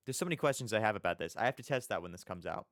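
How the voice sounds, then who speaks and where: A man's voice: lowish voice, animated, very fast, fairly bright tone, no room sound, studio quality. A young man casually commenting on a video, thinking aloud with lots of questions and chuckles. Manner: musing, questioning, chuckles often. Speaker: reaction video host.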